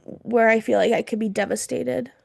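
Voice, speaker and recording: A woman's voice: on the high side, steady tone, normal speed, vocal fry, a little mellow, dry recording, studio quality. A woman co-hosting a podcast in casual chat, chatty and laughing often, her throat irritated from smoke. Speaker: podcast co-host.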